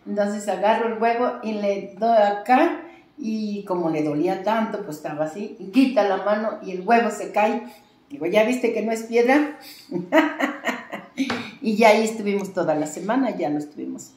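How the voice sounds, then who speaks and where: A woman's voice: medium pitch, moderate pace, a little mellow, echoey room. A woman with a Mexican accent, a traditional healer, telling a long story in an interview with many fillers and restarts.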